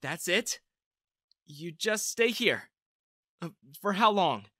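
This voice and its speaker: A narrator with an expressive, mid-range, fairly bright voice speaks slowly, playing a flustered, timid, reluctant ordinary character in storybook dialogue. The character stammers and hesitates, sounding nervous. It's audiobook-style character dialogue, recorded with studio quality and no echo.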